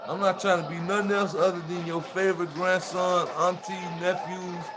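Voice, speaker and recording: Vlogger type: man with a high voice, loose and foul-mouthed, chuckling between lines over loud hiss and crowd chatter. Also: little pitch movement, normal speed. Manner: profane, rambling, laughs through his talk. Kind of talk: casual monologue to viewers. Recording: noisy recording with crowd chatter behind.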